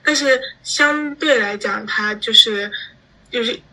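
A teenage girl from China, chatting as a guest in an interview, animated and quick to laugh. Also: fairly high pitch, low-quality recording. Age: teens. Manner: chatty, animated, laughs often while explaining. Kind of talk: casual interview chat.

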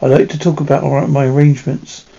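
A man playing a surly, self-serving German lieutenant held as a prisoner of war, defensive and halting. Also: medium pitch, steady tone, creaky, mellow, breathy edge, dull audio. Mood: demanding.

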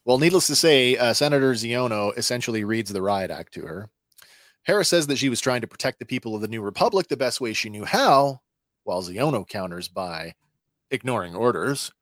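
A man co-hosts a fan podcast, reading through a scripted episode recap and leaning into key words before slipping into easy chat. His voice sits at an ordinary middle pitch. The sound is dry and close, with no room echo. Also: animated, brisk, a bit bright. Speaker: podcast co-host.

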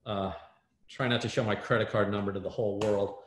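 A man, a guest in an interview, telling a story in an animated way with many fillers and restarts over a video call. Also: lowish voice, fairly quick, slight background noise. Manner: excitable, lots of fillers and restarts. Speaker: guest, startup hardware builder. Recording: roomy echo.

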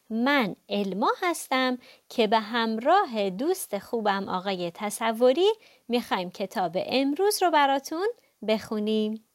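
A woman reading a children's audiobook aloud, playful and animated, adding sound effects. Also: fairly high pitch, no echo, clean studio sound. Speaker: storyteller.

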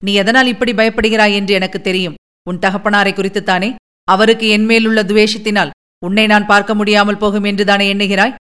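A woman's voice: mid-range voice, level tone, brisk, fairly bright tone, smooth, lightly acted. A woman voicing an earnest young nobleman who speaks solemnly and pleadingly to his beloved. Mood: reassuring.

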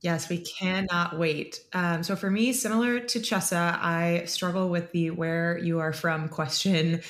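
A woman's voice: on the low side, steady tone, a little slow. A woman in her twenties co-hosting a podcast, friendly and loose, laughing easily as she talks. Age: 20s. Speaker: podcast co-host. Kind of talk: casual podcast chat.

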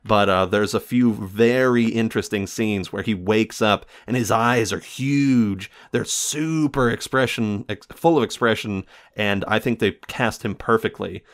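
A man's voice: on the low side, unhurried, few pauses. A man hosting a casual film review show, rambling with many fillers and self-corrections and laughing often.

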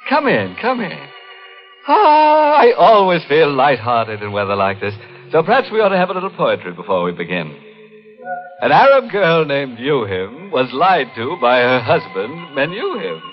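A man playing a sly, gleeful horror show host who tells morbid jokes in theatrical 1940s radio style. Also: mid-range voice. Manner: mocking, theatrical, drawn-out delivery. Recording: dull old radio recording with music.

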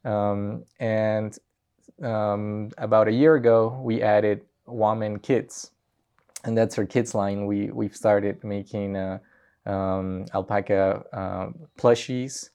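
A man's voice: fairly low pitch, level tone, slow pace, dark tone, clear, resonant tone. A man from Peru, a business owner and guest, talking in a casual interview, hesitant with many ums and restarts.

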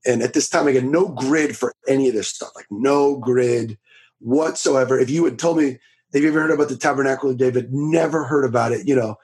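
A Florida preacher in his thirties tells his story during a casual podcast interview. His medium-pitched voice is raspy, and he talks loud and fast, restarting often.

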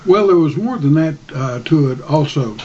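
Male discussion guest, dark mellow tone, measured hesitant explainer, slightly muffled sound. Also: on the high side, expressive.

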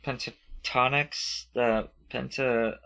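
Low rambling man, very bright tone. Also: fairly even intonation, slow, creaky. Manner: rambling, hesitant, searches for words. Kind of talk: casual chat.

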